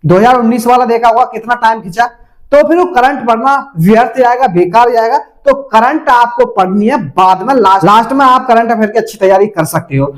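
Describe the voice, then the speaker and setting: A man's voice: very high voice, brisk, rough recording. A man giving casual exam-preparation advice to viewers, instructive and repetitive, speaking to them directly. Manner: instructive, repeats each step, addresses viewers directly. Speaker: exam-prep adviser.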